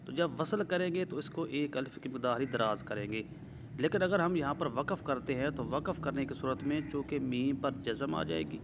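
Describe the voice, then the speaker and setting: A man's voice: mid-range voice, lively intonation. Male tajweed teacher, methodical step-by-step explainer, faint background hiss. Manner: methodical, explains rules step by step, checks with "ٹھیک ہے؟"; drawn-out slow demonstrations of recited words. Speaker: Quran recitation teacher. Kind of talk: tajweed lesson.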